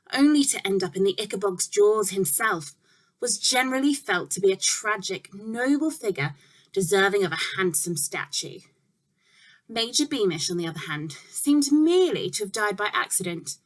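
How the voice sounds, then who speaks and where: A woman with a medium-pitched voice reads a children's storybook aloud, measured and expressive, phrasing clearly and deliberately stressing important words.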